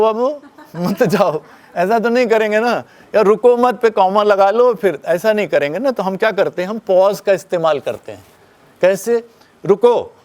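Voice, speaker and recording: An older man teaching a class with a notably high-pitched voice. He lectures with lively energy, throws questions at the students, and speaks phrases aloud to show how a pause or a stressed word changes their meaning. He is firm with the class when attention drifts. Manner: firm with students, tells them to put phones away. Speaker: lecturer at a media school orientation.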